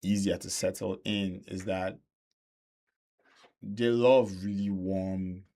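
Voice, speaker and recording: A man's voice: low-pitched, little pitch movement, slow pace, mellow. A man co-hosting a casual podcast chat, earnest and emphatic, often repeating words for stress. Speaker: podcast co-host.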